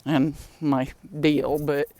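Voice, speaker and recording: Carrying her groceries home outdoors in the wind, an older woman vlogs rambling personal stories about her family and pets. Her voice is low-pitched and mellow with a flat delivery, and she takes it slowly. She's chatty, with laughs and sighs, and the recording is dry.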